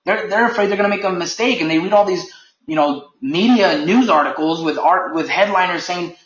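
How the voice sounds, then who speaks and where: Speaking quite fast in a high, fairly bright register, this man leads his company's webinar with firm emphasis and a touch of heat. The recording has that dull, echoey lo-fi webinar quality.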